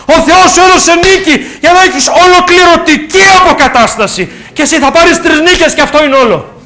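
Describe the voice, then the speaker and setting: A man preaching an impassioned sermon in church, shouting exclamations and chanting repeated refrains. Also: extremely high pitch. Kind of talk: fervent sermon.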